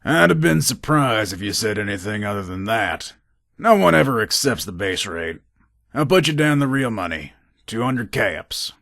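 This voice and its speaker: In this video game dialogue, a male actor plays a cunning gun dealer and thief whose somewhat low voice swings up and down as he sells. His manner is relaxed but all business, a tough haggler, with a slightly bright tone captured close and dry with no echo.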